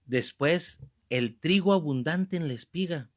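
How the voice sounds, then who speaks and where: A man in his fifties preaches through a Bible class with fervour, hammering home his points by repeating them. His voice sits a little high for a man. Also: a little slow. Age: 50s. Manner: fervent, emphatic, repeats key phrases.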